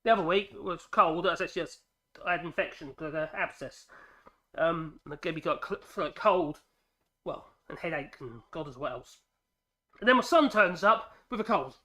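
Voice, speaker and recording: With a high-ish voice that's animated, pushed and bright, a middle-aged man hosts his woodworking channel at normal speed. He has a head cold and sounds congested as he chats loosely and makes self-deprecating jokes. The recording comes from his home workshop via a ceiling-clamped mic.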